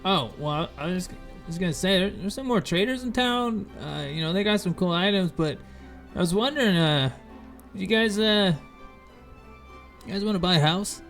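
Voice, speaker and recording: A man voicing a chatty, awkward trader in a tabletop game, rambling and folksy as he pitches his wares. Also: expressive, normal speed, a bit bright, faint music behind. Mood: friendly, salesy. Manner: rambling, folksy, eager to sell. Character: chatty, awkward small-time male trader named Fizban.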